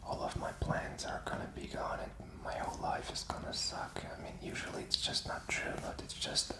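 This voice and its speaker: Whispering at a moderate pace, a male ASMR content creator muses informally and reflectively, his thoughts wandering as he works them out. The recording sounds roomy.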